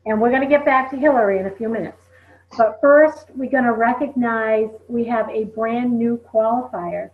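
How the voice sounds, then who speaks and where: Brief: woman hosting a team call, chatty filler-heavy delivery, slightly high voice, tinny phone-line sound. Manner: chatty, peppered with "you know". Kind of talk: conversational group call.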